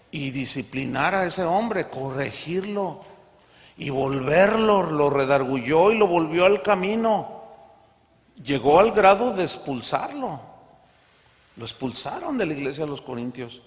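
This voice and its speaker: High-voiced pastor preaching in a hall. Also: male voice, expressive, a little slow. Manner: emphatic preaching with rhetorical questions. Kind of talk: sermon. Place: large conference hall. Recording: long hall reverb.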